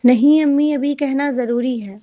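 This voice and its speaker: A woman's voice: high voice, warm tone, lightly acted. A woman voicing a spoiled, scheming young woman who talks stubbornly and spitefully, in a storybook reading.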